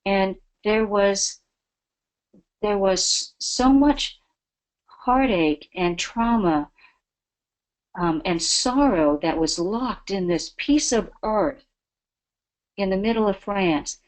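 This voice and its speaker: A woman's voice: mid-range voice, takes it slowly, long pauses, low-quality recording. A woman giving a spiritual talk as a webinar guest, earnest and devotional. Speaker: guest speaker.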